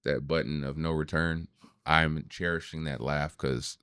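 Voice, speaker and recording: Very deep-voiced man in his thirties. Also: a little slow, smooth, no room sound, studio quality. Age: 30s. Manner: relaxed, reflective, swears casually. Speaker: podcast host. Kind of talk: casual podcast conversation.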